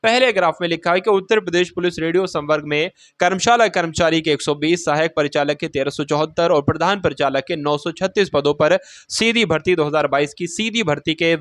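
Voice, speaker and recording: Reading an official exam notice aloud as he scrolls through it on screen, a man explains the news casually, as if talking to friends. He has a bright, fairly high voice captured at studio quality with no room sound.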